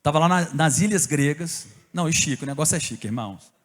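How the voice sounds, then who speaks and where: A Brazilian man preaching a sermon as a pastor, telling a story with animated bursts and shouts. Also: on the high side, fast talker, in a large hall. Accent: Brazilian Portuguese.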